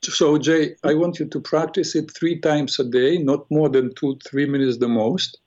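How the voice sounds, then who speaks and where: A man's voice: fairly high pitch, steady tone, normal speed, a little mellow. A man hosting a live call-in, instructively guiding a visualization exercise and often repeating his phrases. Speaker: host guiding a caller through an imagery exercise. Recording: dull lo-fi call audio.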